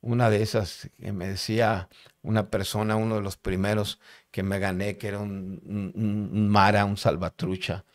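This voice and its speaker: A man's voice: fairly low pitch, little pitch movement. Mexican man telling a personal testimony. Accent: Mexican Spanish. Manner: halting, with many repeated words; casual slangy storytelling. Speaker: podcast guest.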